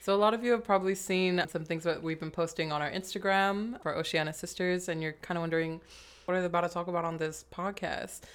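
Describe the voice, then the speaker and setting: A woman's voice: lowish voice, fairly even intonation, fast, clean tone. A young woman with an American accent co-hosting a podcast in casual, slangy, informal chat. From San Francisco Bay Area, USA. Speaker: podcast co-host.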